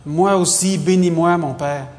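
A man's voice: fairly high pitch, fairly even intonation, unhurried, darkish tone, lightly acted. A man reading the part of a wronged elder son who is a hunter, pleading earnestly. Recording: long hall reverb.

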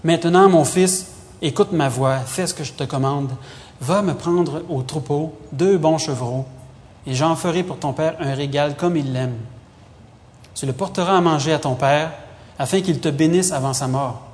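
A man's voice: on the high side, normal speed, a little mellow, natural voice. A man reading the part of a determined, scheming mother, in a firm, commanding manner. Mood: insistent. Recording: long hall reverb.

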